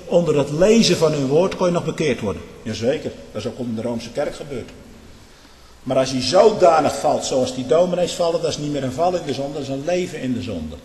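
A fiery male preacher with a somewhat high voice, thundering one moment and muttering the next. His voice rings through a large hall with a long, echoing tail. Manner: fiery and emphatic, swings from loud outbursts to low muttering. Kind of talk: impassioned sermon-style monologue. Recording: echoey hall with long reverb.

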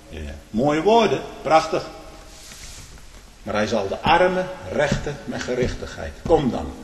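Fiery preacher in an echoing church. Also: male voice. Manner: swings from loud declaiming to low intimate asides, rhetorical questions; frequent questioning "hm?" to the congregation. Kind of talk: fiery sermon. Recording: echoey church hall, long reverb.

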